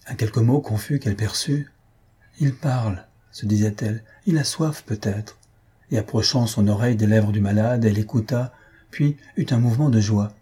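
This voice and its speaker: A man calmly narrating a novel as an audiobook reader. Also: fairly low pitch, fairly quick, husky.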